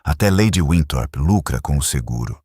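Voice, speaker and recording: Curt police inspector in an audiobook, voiced by a man: stern and matter-of-fact, deep husky voice. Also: expressive, moderate pace, darkish tone, no echo, studio quality, exaggerated voice. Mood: accusing. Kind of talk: audiobook character reading.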